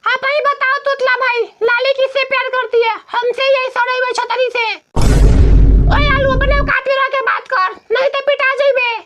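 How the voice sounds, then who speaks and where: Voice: very high voice, level tone, moderate pace, sharp tone, dull audio. A performer voicing jealous male cartoon vegetables who boast and trade insults over a tomato in a comedy cartoon. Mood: pleading. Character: squeaky jealous male vegetable lovers, bickering.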